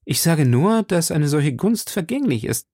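A man's voice: fairly high pitch, big pitch swings, unhurried, mellow, no room sound, studio quality, voice pushed up, heavily acted. A man reading an audiobook, voicing an anxious, secretive young wife in a raised, urgent voice. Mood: earnest.

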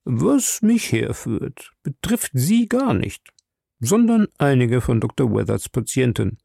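A man voicing a shrewd, suave investigator who talks in a measured, diplomatic way. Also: medium pitch, big pitch swings, gravelly, mellow, no room sound, clean studio sound, heavily acted.

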